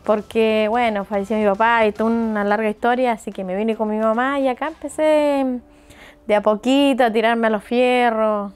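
With an Argentine accent and a steady, fairly high voice that sounds clear and resonant, this mechanic and business owner in her thirties talks about her work at a normal pace. The interview happens in an open shed outdoors at her home with soft background music. She's chatty, quick to laugh, and plays out quotes from people she's dealt with.

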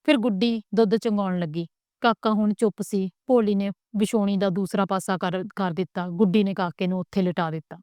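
Clear-voiced Punjabi woman storyteller. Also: mid-range voice, brisk, dry recording, studio quality. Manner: steady, plain narration. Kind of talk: storybook reading.

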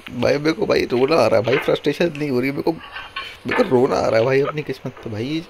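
A man with a hoarse, strained throat talks through a game in loose, casual commentary, coaxing and scolding the character on screen. His voice sits at an ordinary middle pitch. The home recording is noisy, with mouse clicks underneath. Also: a little fast. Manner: talks to his game character, exasperated and pleading, often counting one two three. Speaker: gameplay streamer.

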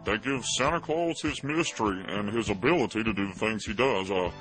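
A man's voice: on the low side, expressive, fairly quick, a bit bright, poor audio. A man playing an evasive, defensive Santa Claus on a comedy radio show, stammering through his answers, with faint music in the background.

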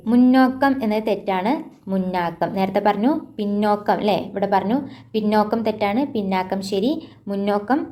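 A woman with a Malayali accent teaching an exam-prep language lesson, repeating each word slowly to correct it and adding casual asides to viewers. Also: medium pitch, dark tone.

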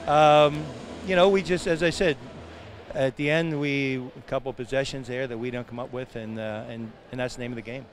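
An older man, a head coach, giving a halting postgame interview full of fillers in an arena. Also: medium pitch, fairly even intonation, slight background noise. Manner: halting, many fillers and restarts. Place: indoor arena, empty seats behind. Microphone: handheld interviewer mic.

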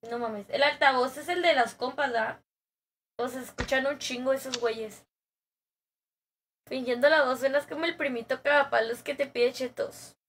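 A woman's voice: high-pitched, fairly even intonation, moderate pace, a bit bright, slightly rough. A young woman with a Mexican accent, chatting casually and playfully with slang while streaming a game. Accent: Mexican Spanish. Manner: playful, slangy, laughing asides. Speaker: gaming streamer. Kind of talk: casual gaming stream chat.

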